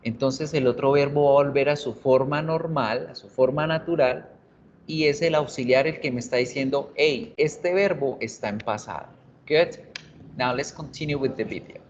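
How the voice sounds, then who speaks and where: A male English teacher giving an online class, explaining grammar in Spanish and slowly repeating English examples. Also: medium pitch, fairly even intonation. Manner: calls students "chicos", jokes in class. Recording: muffled video-class audio, faint hiss.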